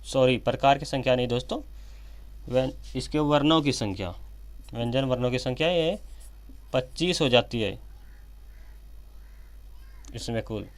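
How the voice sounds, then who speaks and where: With a mid-range voice, a male teacher works through a grammar lesson on a whiteboard slowly and repetitively, addressing viewers as friends and fixing his own sentences partway through.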